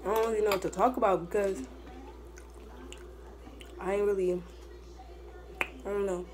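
A woman's voice: mid-range voice, steady tone, normal speed. A young woman vlogging casually, talking with her mouth full as she eats. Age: young adult. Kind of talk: casual chat to camera. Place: small room at home, indoors. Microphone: phone or laptop propped at arm's length. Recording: noisy room, cutlery and dish clatter.

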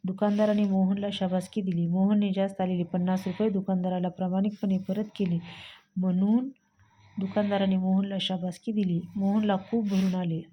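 A woman's voice: mid-range voice, little pitch movement, a little fast, muffled recording, slight background noise. A woman teacher with a Marathi accent, steadily reading out textbook exercise answers.

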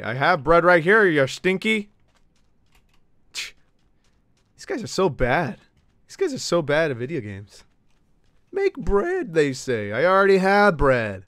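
A male Twitch streamer giving excitable live gameplay commentary, swearing and yelping as he banters with his chat. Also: mid-range voice, dry recording.

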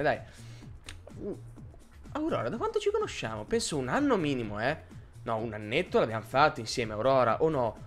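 A man streaming live, chatting casually and rambling as he answers his chat viewers. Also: fairly high pitch.

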